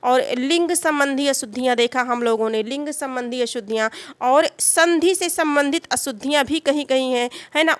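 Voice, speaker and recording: Woman teacher, high voice, dry close sound, repeats key words, asks herself questions, exam-prep grammar lesson. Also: smooth, no echo.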